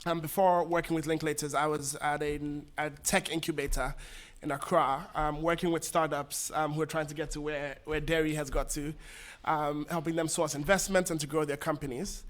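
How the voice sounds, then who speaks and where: A man's voice: fairly high pitch, fairly even intonation, normal speed, a bit bright. A young man from Ghana, introducing himself as a panelist. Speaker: panelist, lawyer.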